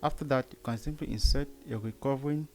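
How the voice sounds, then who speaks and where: Talking fast in a mid-range voice, this tutorial host with a Cameroonian accent walks through a screen tutorial step by step. He keeps asking himself short questions and then answering them.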